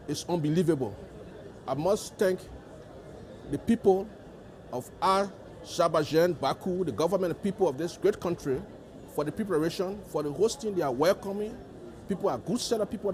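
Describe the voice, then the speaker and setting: This government delegate, a man with a Liberian accent, responds formally to an interviewer and emphasizes by repeating phrases. His voice sits on the high side and is a little mellow.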